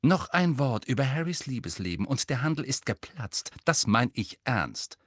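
A man's voice: mid-range voice, sing-song, measured pace, a bit bright, no room sound, voice pushed up. A man voicing a clever teenage schoolgirl who speaks coldly and in clipped, scornful tones, recorded dry and close. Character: sharp clever teenage schoolgirl, cool and firm.

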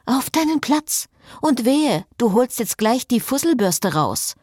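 A woman voicing a brisk, bossy woman in an audiobook. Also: on the high side, big pitch swings, a little mellow, no echo, studio quality, voice pushed up.

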